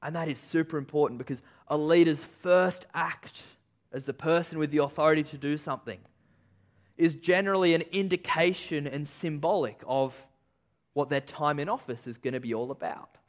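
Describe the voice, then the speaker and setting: A man preaching a sermon with an emphatic delivery, slowing on key phrases and swinging between loud peaks and quiet endings. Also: a little high. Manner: emphatic, rising and falling delivery with slow stressed phrases.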